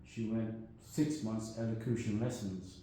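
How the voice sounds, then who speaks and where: This older man from Guyana, with his Guyanese accent, has a dark, lowish voice that stays steady and measured. Reflecting as a guest in a loose, meandering conversation, he keeps asking "you know what I mean?" The recording sounds echoey with faint background noise.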